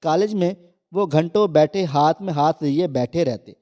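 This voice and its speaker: A man's voice: fairly high pitch, warm tone. A man narrating a moral story from a script, reading all the characters' lines in his own voice. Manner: reads every character's quoted lines in his own voice, only slightly raised for the girl.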